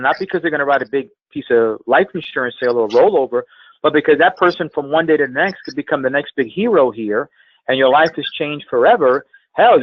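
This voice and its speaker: A man with a voice on the high side gives a motivational sales coaching talk on a conference call, with no room sound. He's a sales trainer there as a guest speaker, emphatic and repeating phrases for effect. His telephone audio is tinny and band-limited.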